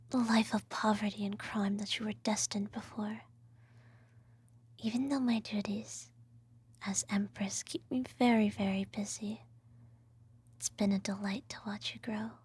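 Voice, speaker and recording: In a medium-pitched, breathy ASMR whisper, a woman voices an evil empress and loving adoptive mother telling a bedtime story. Her formal, measured delivery feels both tender and scheming.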